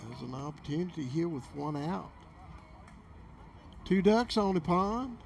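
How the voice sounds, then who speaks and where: A man's voice: fairly high pitch, lively intonation, a little slow, slight background noise. A man giving play-by-play baseball commentary for local television from an outdoor game.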